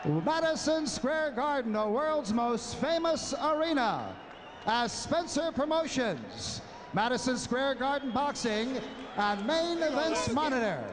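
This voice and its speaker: A man working as a boxing ring announcer, projecting formal, ceremonious phrases with long pauses in a large arena. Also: very high voice, sing-song, big-room sound, crowd noise. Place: large indoor sports arena. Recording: noisy arena PA broadcast.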